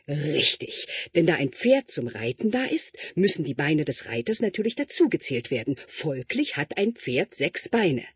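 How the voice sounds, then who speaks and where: A man voicing an anxious, fawning royal tutor who flatters and speaks slowly and high. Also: slightly rough, dry recording, full character voice. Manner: obsequious, flattering, high and drawn-out.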